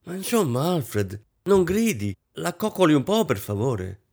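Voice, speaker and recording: A man's voice: mid-range voice, lively intonation, moderate pace, a little mellow, lightly acted. A man reading aloud voices a society lady guest, a woman who speaks in a sweet, syrupy way that hides spite. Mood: falsely sweet. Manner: mellifluous, falsely sweet.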